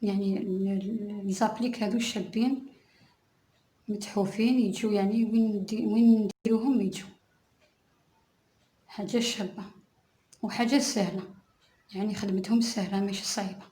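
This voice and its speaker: Soft-spoken woman counting stitches. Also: medium pitch, steady tone, normal speed, pauses often, roomy sound. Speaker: crochet teacher. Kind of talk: step-by-step tutorial narration.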